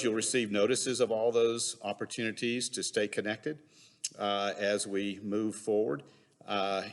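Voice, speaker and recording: A hallway echo with long reverb surrounds this man's fairly low voice. He speaks as a pastor addressing his congregation in a measured, deliberate and slightly halting way. The space sounds like a big, empty church sanctuary.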